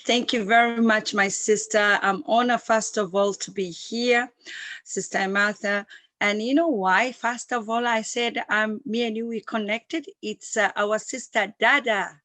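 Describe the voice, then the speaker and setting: A woman's voice: mid-range voice, fairly even intonation, unhurried, fairly bright tone, dry recording. A woman in her fifties who grew up in East Africa speaks as an interview guest with passion, driving each point home by repeating it. Her voice sits in a middle register. The recording is dry and close, with no room sound. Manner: emphatic and repetitive, speaks with passion. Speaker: guest entrepreneur. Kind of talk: interview, enthusiastic storytelling.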